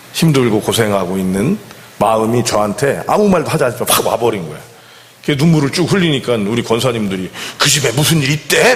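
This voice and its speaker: A man's voice: lowish voice, slight background noise. A male pastor preaching a sermon in a conversational way, often putting questions to the congregation. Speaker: senior pastor. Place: church sanctuary. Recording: long church hall reverb.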